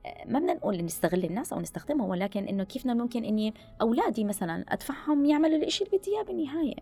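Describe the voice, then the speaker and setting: Woman, podcast guest, rapid advice-giving, gravelly fry, faint music behind. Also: fairly high pitch. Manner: animated advice-giving, mixes in English phrases. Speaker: guest speaker on listening skills. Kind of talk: podcast conversation.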